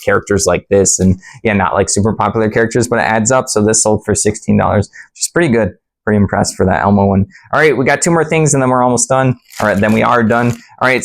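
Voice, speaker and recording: A man with a fairly low voice talks casually as an online reseller going through recent sales. His delivery is conversational and loosely rambling, with the everyday wording of an informal vlog. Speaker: online reseller and channel host.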